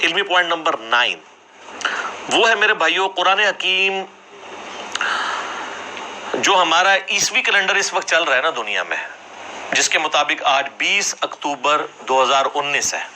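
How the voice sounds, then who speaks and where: A man from Jhelum, Punjab, Pakistan, his voice a little high, expressive, bright and forceful, delivers a conversational classroom religious lecture with long pauses. He checks that listeners follow using tag questions, and the low-quality recording has a little hiss or hum.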